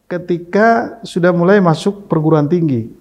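A man's voice: high-pitched, normal speed, darkish tone, highs cut off. A male host interviewing a guest, asking structured questions that walk through points in order.

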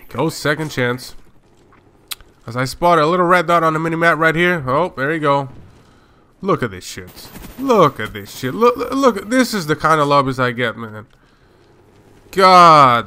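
A young man commentating his own shooter gameplay, excitable and slangy, swearing and trash-talking. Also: on the high side, smooth. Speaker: gaming YouTuber.

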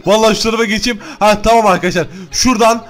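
Rapid, high-voiced excitable gaming man. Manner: excitable, keeps addressing the viewers. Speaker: gaming YouTuber. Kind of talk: Minecraft gameplay commentary.

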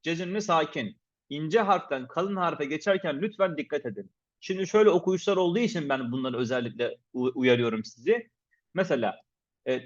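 Man teaching slow pronunciation drills. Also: a little high. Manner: patient, repeats syllables slowly to demonstrate; addresses viewers formally as respected teachers. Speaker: Quran recitation teacher. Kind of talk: instructional lesson. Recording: dull lo-fi recording.

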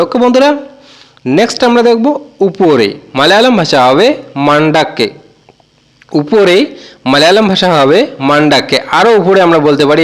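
A man with a slightly high voice teaches a casual spoken language lesson as a channel host. He keeps his delivery relaxed and slows right down to repeat each new word. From Bengal. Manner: slow, drawn-out repetition of taught words.

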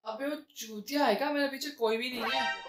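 Woman comic, brash swearing gamer banter, higher voice, echoey room. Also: moderate pace, over loud music. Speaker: comedy sketch creator.

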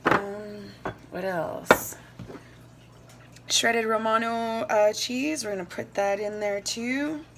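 A woman in her thirties chats casually through a home cooking demo in her kitchen, rambling and correcting herself, filmed on a phone camera. Her mid-range voice is slow and fairly bright, with a little hiss or hum and clear clatter of dishes and pans.

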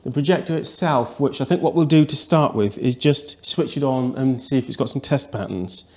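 A man's voice: mid-range voice, moderate pace. A man, chatting politely and thinking aloud as he works on equipment at home. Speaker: video channel host. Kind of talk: casual hands-on vlog chat. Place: indoor home rooms.

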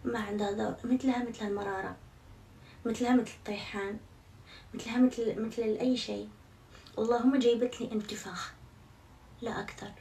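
A woman's voice: a little high, fairly even intonation, fairly quick, gravelly, long pauses, a little mellow. A young woman chatting casually to her viewers, self-mocking and swearing oaths often. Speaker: vlogger. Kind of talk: casual vlog chat to viewers. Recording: somewhat far from mic, faint background noise.

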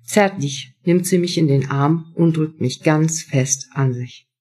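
A woman's voice: deep voice, fairly even intonation, a little slow, dark tone, husky, faint music behind. A woman author reading first-person prose from her own novel at a live event.

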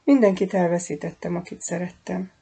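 A woman reading the lines of a wounded young man who quietly confides his love in an audiobook. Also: fairly low pitch, creaky, slightly rough, full character voice. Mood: tender, confiding. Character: tender wounded young man, lover, reflective.

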